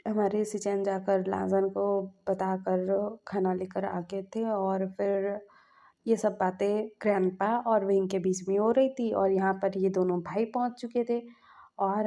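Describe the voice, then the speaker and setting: A woman's voice: medium pitch, warm tone. A woman casually narrating her own fan fiction story in a chatty way.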